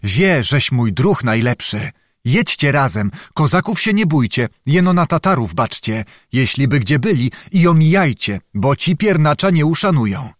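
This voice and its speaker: Servant role: shrewd, unhurried young man, read by a male narrator, lifted, animated delivery in a dry booth. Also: mid-range voice, no echo, lightly acted. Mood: sly. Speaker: storyteller within the tale.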